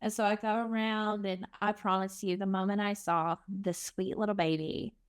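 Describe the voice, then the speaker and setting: Animated young woman telling a story. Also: normal speed, clean tone. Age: young adult. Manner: animated, acts out quotes with big pitch jumps. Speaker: guest, foster parent. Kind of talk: storytelling in a podcast interview.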